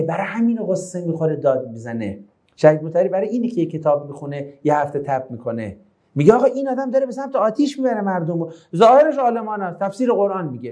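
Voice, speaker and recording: High-voiced, animated male sermon teacher. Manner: animated, swings between soft asides and raised exclamations; recites Arabic verses then explains them. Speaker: religious teacher. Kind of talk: Quranic lesson sermon to a class.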